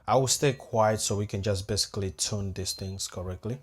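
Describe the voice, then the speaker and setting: A man with a somewhat low voice walks viewers through a live audio setup. His talk is casual and hands-on, thinking aloud step by step as he tweaks the gear and calls his viewers "guys.". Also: fairly quick, husky. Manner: talks straight to viewers as "guys". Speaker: audio-visual technician. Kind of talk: hands-on tutorial.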